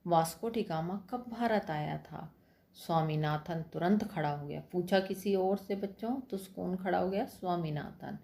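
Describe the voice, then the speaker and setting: A woman's voice: fairly low pitch, vocal fry, mellow. A woman school teacher explaining a story lesson, who keeps speaking to the children and answering her own questions.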